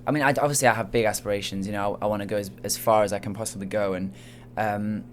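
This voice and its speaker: A young soul singer from England with a Manchester accent talks in a casual interview, his voice fairly low with fairly even intonation, and he talks fast. He is soft-spoken and hesitant, filling his speech with fillers, with slight background noise.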